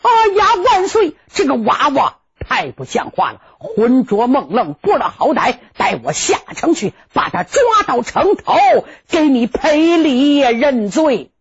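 A woman's voice: big pitch swings, a little slow, few pauses, breathy edge, exaggerated voice. A woman voicing a cunning old grandfather general who blusters and scolds in a storytelling performance. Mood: pleading. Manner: blustering, lowered voice. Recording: dull lo-fi recording.

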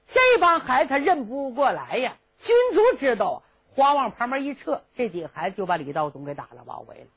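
A woman telling a traditional story with lively, dramatic narration, in a dull lo-fi recording. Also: sits high, husky.

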